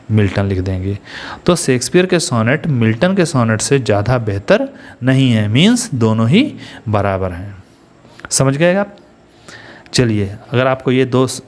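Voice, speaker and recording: Indian man teaching English grammar. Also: medium pitch. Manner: explains step by step, asks students questions. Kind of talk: Hindi-English grammar lesson.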